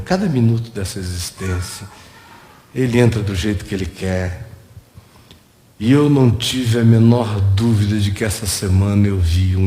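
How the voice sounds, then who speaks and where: A man preaching a sermon, telling stories in an animated way and jumping high in pitch at emotional moments. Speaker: pastor. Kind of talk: sermon with storytelling. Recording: long hall reverb.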